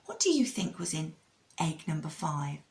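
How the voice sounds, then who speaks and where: A woman speaking as a kids show host, telling a children's story with a religious lesson in an expressive way and addressing young listeners directly. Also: sits low, normal speed.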